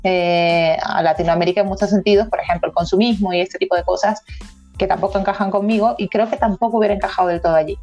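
A woman from Venezuela talking casually and thoughtfully, thinking out loud with many pauses. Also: mid-range voice, steady tone, muffled recording, soft background music. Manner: reflective, thinks aloud. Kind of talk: casual chat.

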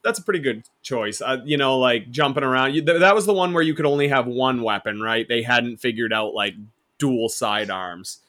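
Guy hosting a podcast, jokey and teasing, average pitch. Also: bright, forceful tone. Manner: joking, teasing, quick laughs. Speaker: podcast host. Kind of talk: casual podcast chat.

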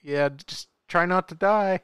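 Smooth-voiced joking young man. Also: sits high, fairly bright tone, dry recording, studio quality. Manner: joking, quick asides. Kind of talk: casual chat.

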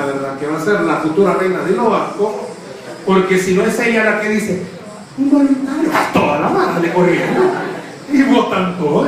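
A man's voice: high voice, far from the mic. A young man, preaching a humorous youth sermon, teasing the crowd and acting out quotes. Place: church. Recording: echoey church hall, preacher off-mic, crowd behind.

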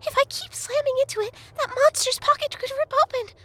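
A woman voicing a tiny, fierce female fairy trapped in a bottle, shrill and defiant, in a storybook reading. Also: brisk, a bit bright. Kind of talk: storybook narration with character voices.

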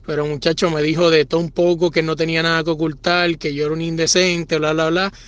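Puerto Rican guy, crude joker telling his blunders, high-ish voice, dry and dull audio. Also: little pitch movement, fast talker, no echo. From Puerto Rico. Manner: crude, joking, self-mocking. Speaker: podcaster sending a listener story. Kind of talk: casual storytelling.

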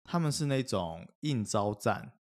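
A man's voice: lowish voice, animated, unhurried. A man in casual podcast chat, explaining things in a matter-of-fact way.

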